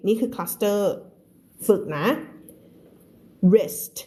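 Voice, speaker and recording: Slow, drilling woman English teacher. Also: mid-range voice, fairly even intonation, mellow. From Thailand. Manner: slow, deliberate word-by-word reading with repeated drills; switches to quick, chatty explanations with frequent laughs. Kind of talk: live English reading lesson.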